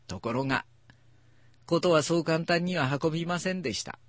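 A man hosting a book program, reading a story aloud in an expressive way. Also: a little high, moderate pace, no echo.

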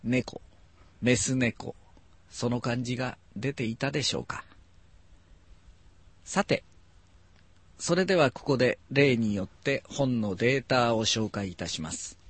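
A man hosting a book program, reading a story aloud in an expressive way. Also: medium pitch, unhurried, long pauses, slightly rough, no echo.

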